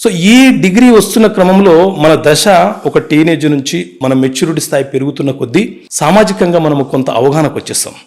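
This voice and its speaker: A man, an advocate telling his life story in an interview, earnest and brisk, mixing in English words. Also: on the high side, darkish tone.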